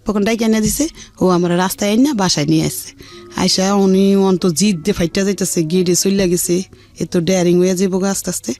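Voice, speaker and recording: Over background music, a radio show guest recounts her own life in conversation. She's a middle-aged woman speaking colloquial Dhaka Bengali in a brisk, mid-range voice, and her retelling is earthy, rough-edged and lively, full of reported dialogue.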